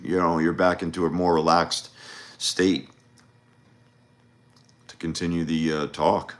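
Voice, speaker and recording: Deep-voiced man rambling on a livestream. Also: level tone, unhurried. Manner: loose, rambling, with frequent fillers and restarts. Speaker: dating coach. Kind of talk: casual livestream talk. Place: home livestream.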